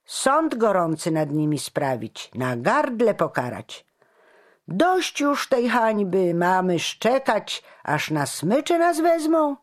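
Reader voicing an indignant gossiping burgher. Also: male voice, high voice, pitched above the performer's own voice, heavily acted. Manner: heated grumbling complaint. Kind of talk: audiobook character voice.

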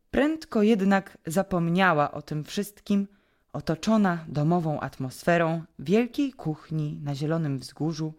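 A woman reading a novel aloud as an audiobook narrator, in a calm, even storytelling manner. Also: deep voice. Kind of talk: scripted narration.

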